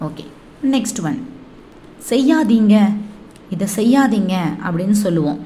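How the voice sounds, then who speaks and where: A woman teaching Hindi phrases, repeating each one slowly and clearly. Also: medium pitch, expressive, warm tone, slight background noise. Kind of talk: language lesson, slow repetition.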